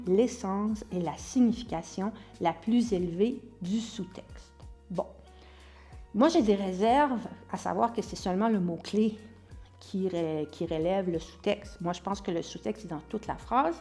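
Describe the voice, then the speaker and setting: Québécois woman, acting teacher, explains and demonstrates, mid-pitched voice, faint music underneath. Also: warm tone. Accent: Québécois French. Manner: explanatory, demonstrates stress by example. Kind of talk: online acting lesson.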